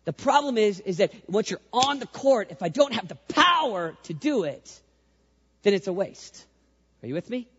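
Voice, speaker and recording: A male youth pastor with a squeaky, husky voice preaches an energetic sermon at a moderate pace, repeating phrases for emphasis and leading the crowd in call-and-response. The recording sounds dull and lo-fi, with the echo of a hall.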